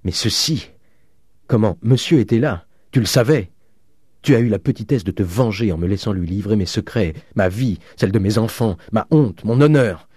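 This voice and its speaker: A man voicing a proud, bitter countess who breaks into rising, shrill outbursts. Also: steady tone, fairly quick, dark tone, no room sound, clean studio sound. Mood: furious.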